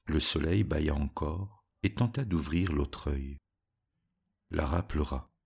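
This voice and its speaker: Deep gravelly male storyteller. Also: measured pace, darkish tone. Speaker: narrator. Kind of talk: storybook reading.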